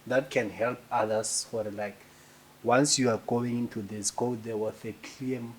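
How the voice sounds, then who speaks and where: A South African man hosts a gospel chat podcast in a relaxed, conversational way. His voice sits in an ordinary middle register for a man. He affirms and thanks his guest warmly, with plenty of nods and agreement. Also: mid-range voice, a little slow, a crowd in the background. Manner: affirming, encouraging. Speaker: podcast host.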